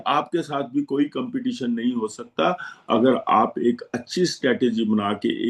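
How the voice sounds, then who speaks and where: A man speaking as a guest to financial advisors, giving a motivational talk in which he repeats his slogans to rally them. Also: mid-range voice. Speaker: guest speaker on insurance and investment.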